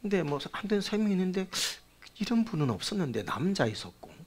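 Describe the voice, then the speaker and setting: A male pastor preaching a sermon, telling a story with rhetorical questions, swinging between loud bursts and quiet asides. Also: sits high, very animated, brisk. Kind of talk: sermon with anecdote.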